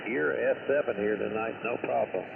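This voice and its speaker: A man's voice: lowish voice, moderate pace, creaky, a loud crowd. A man running a radio net roll call, heard over a two-way radio, using formal radio procedure: he reads out call signs and ends his turns with "over". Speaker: net control operator. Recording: tinny radio transmission with static.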